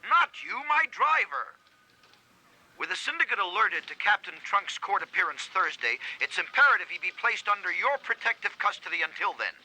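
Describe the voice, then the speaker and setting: A man's voice: sits high, sing-song, normal speed, bright, forceful tone, heavily acted, rough recording. An actor playing an irritable, commanding police commissioner whose voice comes over a speakerphone, and who keeps breaking off to bark orders at his driver. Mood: bossy. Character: irritable male police commissioner, middle-aged, bossy. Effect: heard over a speakerphone. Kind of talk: sitcom acting.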